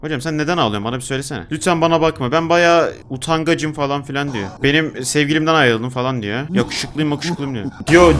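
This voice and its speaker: Young male gaming YouTuber, quick chatter over a game, frantic when chased, light music underneath. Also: fairly high pitch, fairly bright tone. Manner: talks to himself while playing, reads game notes aloud. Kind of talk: let's play commentary.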